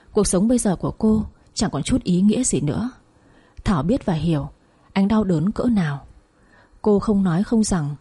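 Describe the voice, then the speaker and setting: A woman narrating a dramatic audio story in a steady, emotive way. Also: medium pitch, husky.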